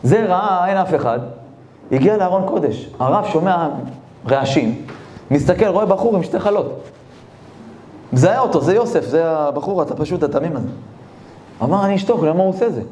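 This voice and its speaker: A man, a rabbi, telling a story in a lively, dramatic sermon. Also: fairly high pitch, long pauses, echoey room, a little hiss or hum.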